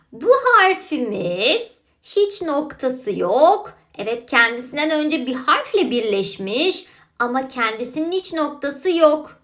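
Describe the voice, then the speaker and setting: A woman giving a children's alphabet lesson, sounding out letters slowly and thinking aloud in a playful, coaxing way. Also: high-pitched, a bit bright. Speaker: Quran alphabet teacher.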